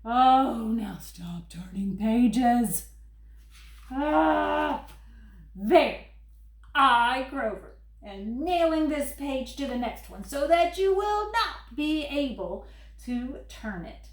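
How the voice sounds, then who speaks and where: A woman voices a lovable furry storybook monster in a high, fretful tone, begging, gasping and pleading frantically. Her heavily acted delivery stretches words out expressively, and the sound echoes around a roomy space.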